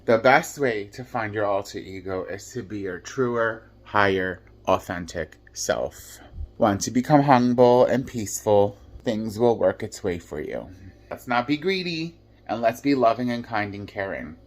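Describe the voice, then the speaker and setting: A man's voice: lowish voice, animated, a little slow. A man talking to camera in an earnest, reflective way, with casual fillers. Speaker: vlogger. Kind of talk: casual advice monologue.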